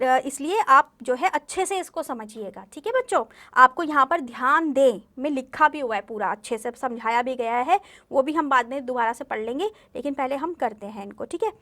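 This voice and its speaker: Young woman teacher, high-pitched, patient, keeps asking the kids questions. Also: normal speed, fairly bright tone. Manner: patient, repeats herself, asks the children questions. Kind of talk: online class lesson.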